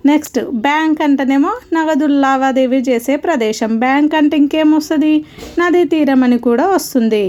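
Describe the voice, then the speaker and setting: High-voiced woman teaching. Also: a little fast, darkish tone. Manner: patient, repetitive, spells words out letter by letter. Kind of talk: grammar lesson explaining word pairs.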